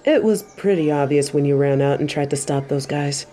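A woman's voice: deep voice, moderate pace, warm tone, close to an everyday voice. A woman voicing a stern, confident tiger kung fu master in an audio roleplay, with a wry, commanding, matter-of-fact manner. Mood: teasing, approving. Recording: clear ambient sound effects behind voice.

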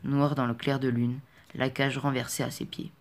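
A male audiobook reader narrating a storybook chapter. His pitch sits at an ordinary middle height, and he reads in a measured, calm and steady way. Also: a little hiss or hum.

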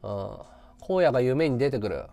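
A man's voice: medium pitch, animated, moderate pace, vocal fry, mellow, no echo, faint music behind. A man chatting casually on his livestream, rambling and muttering to himself as he works out figures. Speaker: live streamer.

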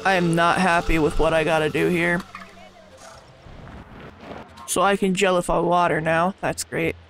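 A young American man with a slight Southern twang, playing a game in an early-morning let's play, excitable and swearing under his breath. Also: a little high, unhurried, soft background music. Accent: American, sometimes Southern. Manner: excitable, swears and mutters to himself. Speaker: gaming YouTuber.

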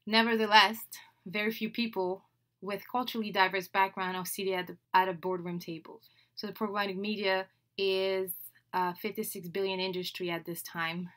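Bright-voiced French-speaking podcast host woman. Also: medium pitch. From Senegal. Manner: chatty and upbeat, laughs between phrases. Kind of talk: solo podcast introduction.

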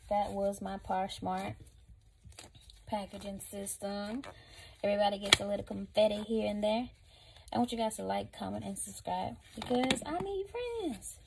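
A woman's voice: medium pitch, little pitch movement, normal speed, vocal fry, very noisy. A woman vlogger chatting casually to viewers while she packs up orders from her online shop, talking in a loose, slangy way.

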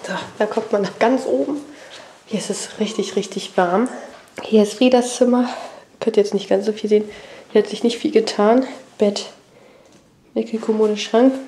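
She speaks at a normal speed with a steady, mid-range, dark-toned voice and long pauses, over a little hiss or hum. The young woman, who has a cold, walks through her family home giving a chatty tour, filming herself at arm's length on a handheld wide-angle action camera.

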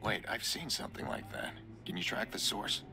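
An actor playing a grim, driven vigilante hacker in a video game, terse and hushed, with a low gravelly growl. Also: male voice, huge pitch swings, moderate pace, heavily acted. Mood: guarded, menacing. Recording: noisy game mix with ambience.

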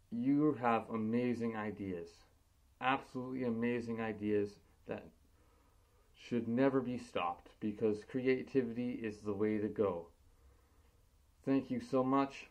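A man's voice: mid-range voice, a little mellow. A young man in a casual vlog, muffled through a costume head, talking earnestly with stumbling restarts. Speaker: vlogger.

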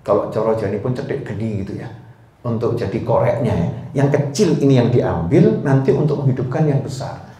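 A man doing a solemn little boy, quiet and earnest, answering with fear in his words. The voice drops low and soft in an echoey room. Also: close to an everyday voice. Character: solemn, fearful young boy.

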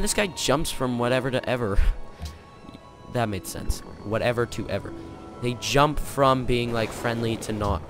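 Excitable young man commentating a game. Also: on the low side. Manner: excitable, jokey, thinks aloud. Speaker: gaming channel host. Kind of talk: let's play commentary. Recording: game music playing behind.

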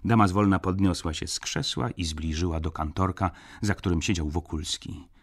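A man narrating a classic novel as an audiobook in an expressive, animated reading. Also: deep voice, normal speed. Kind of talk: scripted literary narration.

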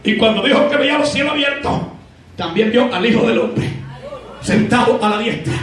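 A man preaching a fiery sermon as an evangelist, shouting and stretching his words, with frequent cries of praise. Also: very high-pitched, moderate pace. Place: church hall with congregation. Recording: very echoey hall, music and crowd behind.

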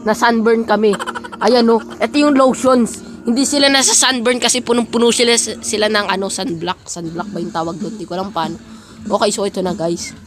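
A woman's voice: medium pitch, fairly even intonation, brisk. A woman giving casual, playful game commentary, chatting and talking straight to her viewers. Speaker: gaming vlogger.

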